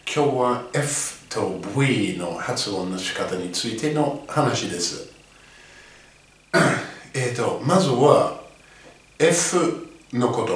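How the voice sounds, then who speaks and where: A man teaching English pronunciation in a casual video lesson, demonstrating sounds slowly with lots of fillers. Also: lowish voice, fairly bright tone. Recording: echoey room.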